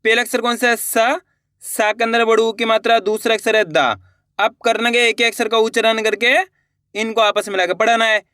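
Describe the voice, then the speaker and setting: A very high-pitched man with a flat, sharp delivery and moderate pace leads a reading lesson, recorded dry at studio quality. Syllable by syllable he sounds out each word, lengthening the long vowels, while cheering on viewers he calls friends.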